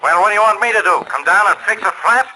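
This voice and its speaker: Gruff police inspector, forceful voice. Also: male voice, sits high, lively intonation, fast, full character voice, rough recording. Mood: brusque. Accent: American. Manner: brusque, barking orders. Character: gruff, exasperated, bossy male police inspector. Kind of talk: 1940s radio acting. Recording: vintage 1940s radio recording.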